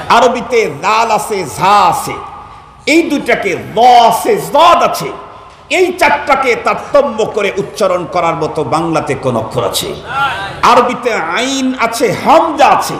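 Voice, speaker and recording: Male preacher, high animated voice, fiery sermon delivery, shouts and quizzes the crowd, echoey sound. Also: a little hiss or hum. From Bangladesh. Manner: rhetorical questions to the audience, bursts into shouts.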